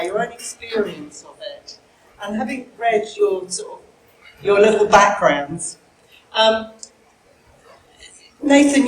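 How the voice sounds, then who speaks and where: A woman informally chairing a live panel discussion and putting questions to speakers. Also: mid-range voice. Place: live event room, microphone. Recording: echoey room, faint background noise.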